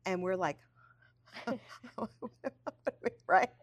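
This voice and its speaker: Lively middle-aged woman host, dry sound. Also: mid-range voice, drawn-out words, breathy edge, no room sound. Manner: animated storyteller, laughs often, acts out quotes. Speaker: podcast host. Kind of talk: casual faith podcast conversation.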